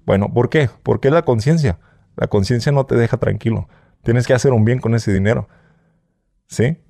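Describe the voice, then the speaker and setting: A man's voice: medium pitch, moderate pace, gravelly, warm tone, no room sound, clean studio sound. A Mexican man, an interview guest, tells his stories candidly in a casual chat and keeps checking with the listener. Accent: Mexican Spanish. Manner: candid storytelling, often asks "¿sí?" and "¿no?". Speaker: interview guest, former smuggler.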